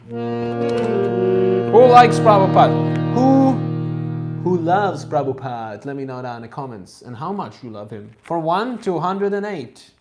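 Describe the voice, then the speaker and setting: Man, high voice, chatty with viewers, laughs easily, strong guitar music behind. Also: very animated, a little slow. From Israel. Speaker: monk livestreamer. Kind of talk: casual livestream chat while cooking.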